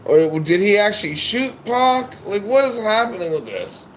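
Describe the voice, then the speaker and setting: A man's voice: high-pitched, lively intonation, moderate pace. A man talking casually on a livestream, playful and teasing, chatting to viewers in a rambling way. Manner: playful, teasing and sing-song. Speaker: livestream host. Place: apartment by an open window. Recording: echoey room, mic far off, loud street traffic.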